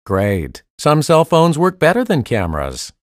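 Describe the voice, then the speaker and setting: A man voicing the male parts of a school listening test with clear, evenly paced delivery. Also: fairly high pitch, wildly swooping pitch, unhurried, no echo. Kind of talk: scripted test dialogue reading. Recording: dry studio recording.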